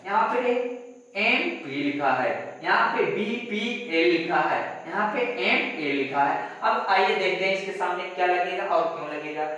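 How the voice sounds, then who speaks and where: Heard from a distance in a very echoey room, a man gives a step-by-step grammar lesson in a classroom style, spelling out words letter by letter and posing rhetorical questions. His voice is high, bright and forceful.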